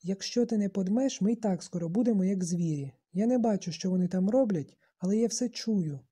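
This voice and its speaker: An audiobook narrator voicing a shrill, fretful plump boy with a husky, dark voice. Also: brisk, natural voice. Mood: anxious.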